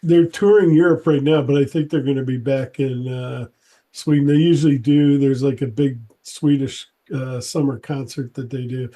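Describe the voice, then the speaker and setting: A man's voice: medium pitch, fairly even intonation, moderate pace, dark tone. A man hosting a casual music interview, talking in a loose, rambling way with many fillers and restarts. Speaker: interview host.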